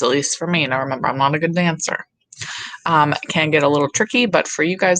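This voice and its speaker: A woman's voice: low-pitched, fairly bright tone, slight background noise. A woman teacher talking to her class over a video call, friendly and self-deprecating, asking questions. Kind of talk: online class talk.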